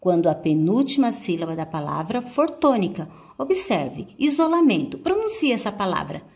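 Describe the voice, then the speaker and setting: A woman teacher with a Brazilian Portuguese accent, giving a video lesson to schoolchildren and slowly stressing syllables as she sounds out words. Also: fairly low pitch, big pitch swings, creaky, darkish tone.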